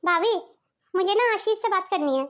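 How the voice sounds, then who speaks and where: A woman's voice: extremely high pitch, expressive, moderate pace, a bit bright. A woman voicing a scheming, sweet-talking teenage daughter in a cartoon story. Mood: coaxing. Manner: wheedling, coaxing.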